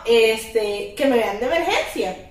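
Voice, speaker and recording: A high-pitched Costa Rican woman tells a story in a lively, casual chat, laughing as she goes. She sounds some way off the mic, in a very echoey room. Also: a little slow, far from the mic. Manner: animated storytelling, laughing often. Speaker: podcast co-host.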